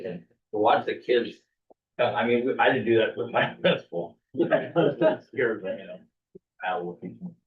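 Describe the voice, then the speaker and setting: Rambling low man, tinny and echoey. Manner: rambling, animated anecdote. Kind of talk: meeting remarks. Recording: tinny echoey distant room audio.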